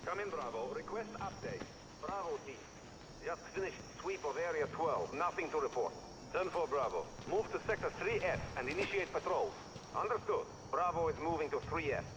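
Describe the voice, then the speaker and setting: A man's voice: a little high, lively intonation, moderate pace, long pauses, dull audio. A man voicing a security guard giving clipped call-and-response reports over a two-way radio in a video game. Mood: routine. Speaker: guard on patrol. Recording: distant radio voice under loud game noise.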